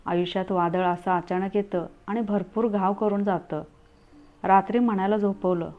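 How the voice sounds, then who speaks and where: A woman narrating a scripted first-person story as a storyteller, in an earnest, steady way. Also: mid-range voice, moderate pace. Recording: tinny phone-like audio, faint music.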